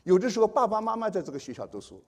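A man preaching a testimony sermon, telling a story and acting out the dialogue with big swings in pitch and loudness. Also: sing-song, rapid-fire.

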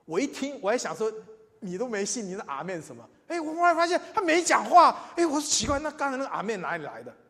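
A man, preaching and telling his own testimony, moving between loud emphatic lines and quiet asides. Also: extremely high pitch, very animated, fast. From Taiwan. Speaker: church speaker. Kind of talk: sermon with personal testimony. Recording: long reverb in a large hall.

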